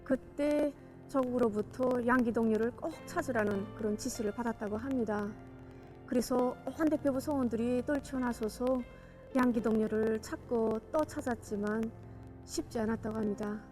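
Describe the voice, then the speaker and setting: A woman's voice: fairly high pitch, normal speed, darkish tone, faint music behind. A woman with a North Korean accent formally recounting memories as an interview guest.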